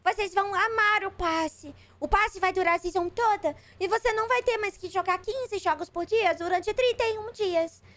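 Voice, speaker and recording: A woman's voice: very high-pitched, normal speed, few pauses, fairly bright tone, pitched above the performer's own voice. A woman putting on the voice of a sugary, overpromising company spokeswoman, in an exaggerated, mocking sing-song. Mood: sarcastic mimicry.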